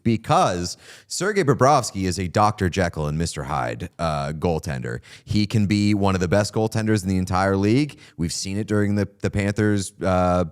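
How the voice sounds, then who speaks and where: Co-hosting a hockey podcast, this man speaks in a smooth, low voice, keeping it casual as sports chat. He comes across as animated and opinionated and uses "like" and other fillers often.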